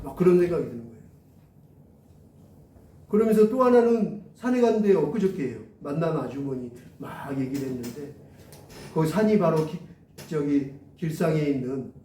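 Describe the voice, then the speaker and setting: Man, pastor, storytelling sermon, mellow voice, echoey hall, mic set back. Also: on the high side, slight background noise. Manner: animated anecdote telling, acting out quoted voices. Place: church hall. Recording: roomy echo, mic at a distance.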